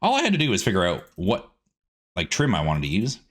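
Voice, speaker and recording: Here a gaming host with a low-sitting voice talks fairly quickly, his pitch swinging hugely. It's casual let's-play commentary, with him chatting playfully to himself mid-game, using silly words and little sing-song asides.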